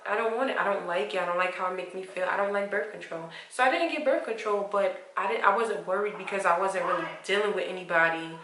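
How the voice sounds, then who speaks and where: A woman's voice: fast, few pauses, a crowd in the background. Chatty young woman in an echoey room. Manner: animated, acts out dialogue with jumps in pitch; frank, slangy and chatty. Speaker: vlogger sharing pregnancy stories. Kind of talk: candid storytelling to camera.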